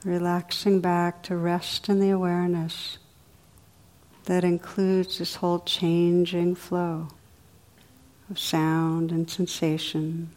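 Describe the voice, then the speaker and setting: A woman leading a guided meditation in a soothing, unhurried way, with soft, drawn-out phrasing. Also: on the low side, monotone. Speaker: meditation teacher.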